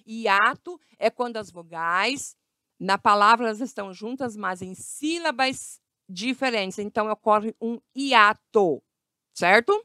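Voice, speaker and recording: A woman's voice: mid-range voice, expressive, pushed and bright, no echo. A woman teacher with a Brazilian Portuguese accent, giving a grammar lesson to children, stretching out words and often checking in with her class. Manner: slow, stretched words with frequent check-ins.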